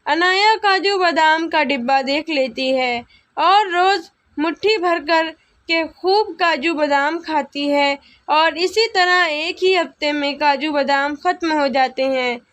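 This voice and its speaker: A woman's voice: sits high, slow pace, a bit bright. A woman narrating a family storybook tale in a scripted storytelling manner.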